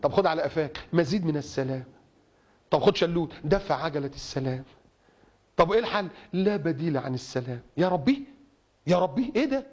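A man's voice: fairly high pitch, lively intonation, quick pace, a little mellow. A man preaching an impassioned sermon in an Egyptian Arabic accent, emphatic and rhetorical, repeating phrases for stress.

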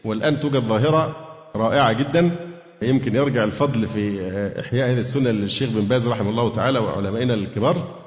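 A man with an Egyptian accent teaching a Quran commentary lesson to a class, quizzing students and reciting verses slowly. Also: medium pitch. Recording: echoey hall, dull lo-fi sound.

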